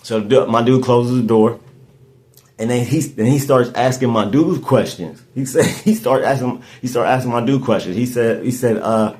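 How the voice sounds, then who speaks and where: A man in his 30s hosts a podcast, telling a story in a casual chat where he rambles and keeps restarting his words. His voice is mid-range and slightly mellow, moving at a normal speed.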